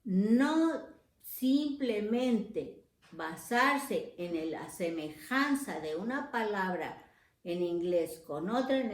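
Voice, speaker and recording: A woman teaching a language lesson, talking deliberately and pausing often to search for words with fillers. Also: mid-range voice. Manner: addresses viewers as friends. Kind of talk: unscripted spoken lesson. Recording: roomy echo.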